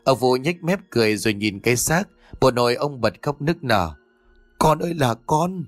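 A man narrating a ghost story in a steady storytelling manner. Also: mid-range voice, fairly quick, no room sound. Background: faint music.

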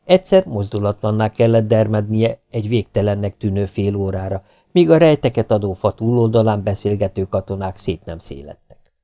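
Low, gravelly male audiobook narrator. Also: animated, warm tone. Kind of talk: scripted audiobook reading.

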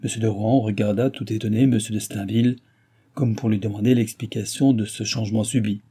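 Man narrating a classic novel, low voice, very dark and mellow, husky, measured. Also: fairly even intonation. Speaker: audiobook narrator.

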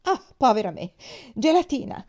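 A woman's voice: medium pitch, expressive, brisk, dark tone, muffled recording, voice pushed up, natural voice. A woman voicing an irritable, bedridden woman of forty who complains sourly. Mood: peevish. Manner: sour, complaining.

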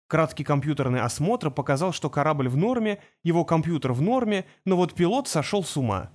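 A man reads a comic novel aloud as scripted narration. His voice sits fairly high and moves with a brisk, wry storytelling manner. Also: big pitch swings, darkish tone. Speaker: audiobook reader.

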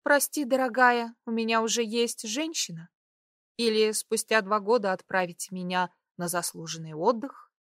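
A woman playing a proud, sharp-tongued young woman. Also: on the high side, moderate pace, no room sound, clean studio sound, close to an everyday voice. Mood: indignant. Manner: cool, then sharply mocking.

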